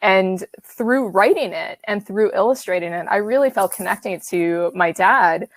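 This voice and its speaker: A Midwestern woman in her thirties, an author-illustrator, chats casually over a video call from a home studio with a brick wall. Her mid-range voice is unhurried, and she rambles with plenty of fillers and restarts. The sound comes through a webcam mic.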